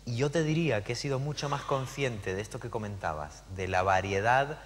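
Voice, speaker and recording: A man from Argentina speaking as a panelist in a live conversation, animated and digressive with frequent hesitations. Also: mid-range voice, brisk. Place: lecture hall at a public event. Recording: hall reverb, faint background noise.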